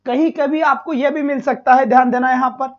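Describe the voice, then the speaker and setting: A man's voice: very high-pitched, fairly even intonation, fairly quick, highs cut off. A man teaching a live online exam-prep lesson, asking his students questions, repeating each one and fondly calling them "beta".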